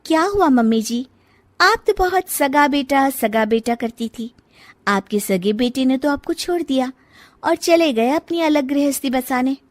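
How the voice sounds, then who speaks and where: Lady doing young bahu in a family story, chiding n coaxing, kinda high voice, dry sound. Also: a little slow, dry recording. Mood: taunting. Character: young daughter-in-law, outspoken, chiding, caring wife. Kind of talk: acted dialogue in a family audio story.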